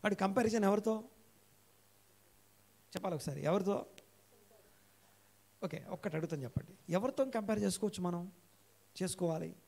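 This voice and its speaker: In a church hall, a male pastor with a high, slightly mellow voice and a gravelly edge preaches an interactive sermon. He repeats key phrases for emphasis and keeps questioning his listeners, slowing down and raising his voice when reading scripture aloud.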